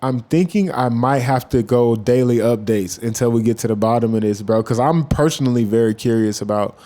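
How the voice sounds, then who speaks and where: A man giving casual, profane reaction commentary as a YouTuber, rambling with animated asides. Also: medium pitch, a little fast.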